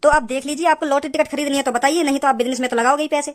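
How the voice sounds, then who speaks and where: A woman voicing a pushy, smooth-talking male lottery salesman in a cartoon, rattling off a persuasive sales pitch. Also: fairly even intonation, slight background noise, lightly acted. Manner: persuasive, fast sales patter. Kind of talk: cartoon voice acting.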